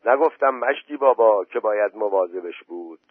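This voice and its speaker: A man's voice: fairly low pitch, expressive, husky, no room sound. A man voicing an older villager who tattles and warns, recorded dry through a phone-like line. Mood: tattling. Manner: tattling, told-you-so.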